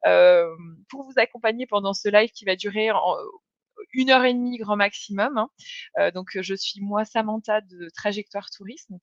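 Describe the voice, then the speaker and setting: A woman's voice: mid-range voice, no room sound. A woman hosting a live professional webinar, chatting easily with many fillers and restarts over a video call. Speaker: host. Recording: dull lo-fi sound.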